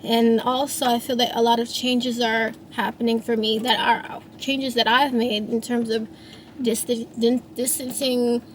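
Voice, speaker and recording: In a low-quality recording with slight background noise, a woman in her thirties, a singer-songwriter, rambles reflectively about how she feels. Her voice is a little high, and she keeps restarting and filling pauses.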